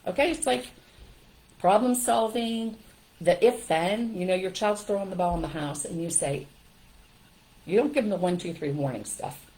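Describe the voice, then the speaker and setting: An older woman giving parenting advice in a direct, lively way, often checking in with "okay?" and "right?". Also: fairly low pitch, moderate pace, pauses often, low-quality recording. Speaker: parenting coach.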